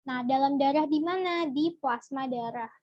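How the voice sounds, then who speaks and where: A young woman runs a relaxed online biology class, tossing questions to her viewers and answering them as they come in. Her voice sits high and bright. The sound is dry and a little dull, like a simple home setup. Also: moderate pace, dry recording. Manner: chatty, asks the viewers questions and answers from chat. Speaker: biology tutor. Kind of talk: casual online biology lesson.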